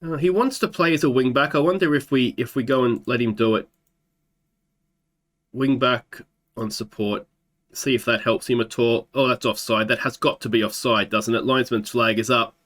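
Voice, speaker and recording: At a moderate pace and with fairly even intonation, this Australian man in his thirties talks through a football management game into his desk mic. His mid-range voice is fairly bright, a touch sore-throated, and he's a gaming YouTuber thinking aloud with fillers in let's play commentary.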